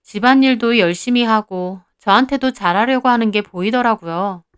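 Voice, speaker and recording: Young woman telling her story, smooth clear voice, kinda high, confiding tone. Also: moderate pace, dry recording, clean studio sound. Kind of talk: first-person story narration.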